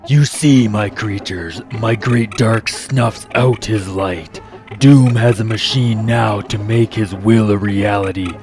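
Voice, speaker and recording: A man's voice: on the low side, slow pace, over music. A man voicing a bitter, grandiose villain from underground in a superhero drama, delivering resentful monologues. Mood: gloating menace. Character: bitter, grandiose male underground villain craving eternal night. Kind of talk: scripted superhero audio drama.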